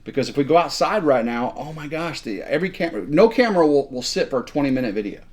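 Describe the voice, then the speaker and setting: A man's voice: medium pitch, expressive, fast, a little mellow. A man in his fifties co-hosting a casual chat indoors at home, joking and rambling with repeated words. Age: 50s. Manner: jokey, rambling, stammers on repeats. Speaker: co-host.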